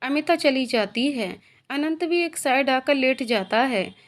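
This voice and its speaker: A woman's voice: sits high, animated, a little slow. A woman narrating a story and speaking directly to her listeners.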